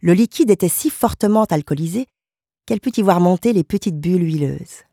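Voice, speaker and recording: A woman narrating a literary short story in a calm, measured way. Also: fairly low pitch, husky, no room sound, studio quality. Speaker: audiobook narrator.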